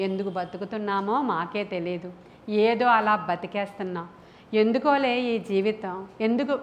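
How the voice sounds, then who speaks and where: A woman pastor with a medium-pitched voice preaches a sermon to a congregation in a church, with slight background noise. She is impassioned and emphatic, filling her preaching with rhetorical questions and repeated phrases.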